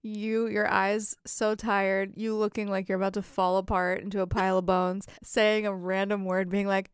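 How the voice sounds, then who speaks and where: Smooth-voiced playful woman guest. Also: mid-range voice, level tone, moderate pace, no echo, clean studio sound. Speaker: podcast guest. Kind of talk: casual chat.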